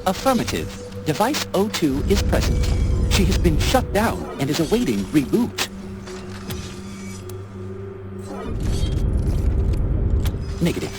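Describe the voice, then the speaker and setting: A man's voice: on the high side, big pitch swings, normal speed. A man voicing a zealous male robot cultist in video game dialogue, through a metallic robot voice filter, talking in clipped machine-speak with preachy devotion. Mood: flat, reasoning. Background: loud game music.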